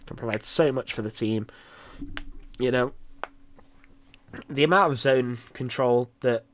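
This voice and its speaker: A man casting a live esports match solo on his own streaming mic, chatty and rambling with lots of fillers. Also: medium pitch. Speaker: esports caster. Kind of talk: live game commentary.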